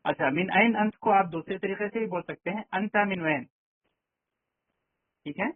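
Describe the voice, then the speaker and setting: Teaching Arabic in an online lesson, a man with a high-pitched voice breaks explanations into steps and often makes sure his students are keeping up. There's no echo; the call audio is tinny and dry.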